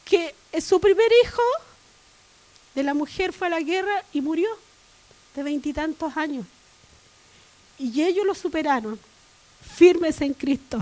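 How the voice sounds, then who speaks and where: A woman preacher delivering a sermon in church, repeating phrases and rising to loud emphatic declarations. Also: high voice, a little slow, pauses often, low-quality recording.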